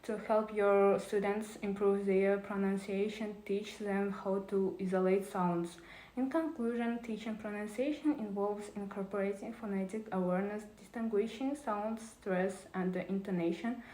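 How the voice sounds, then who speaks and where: A woman's voice: mid-range voice, dark tone, echoey room, poor audio. A woman presenting a prepared talk on teaching, reading carefully with small restarts.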